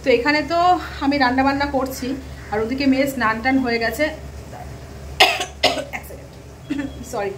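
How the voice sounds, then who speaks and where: A woman vlogging casually from her home, chatting to viewers and scolding her daughter, her throat a little hoarse. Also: high-pitched, steady tone, normal speed, pauses often, heavy background noise. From Bengal. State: throat slightly hoarse lately. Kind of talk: casual home vlog chat. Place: home kitchen and bedroom.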